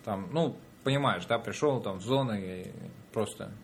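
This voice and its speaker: A man's voice: fairly low pitch, normal speed, slight background noise. Joking man in casual banter. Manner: joking, laughs between words. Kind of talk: casual chat.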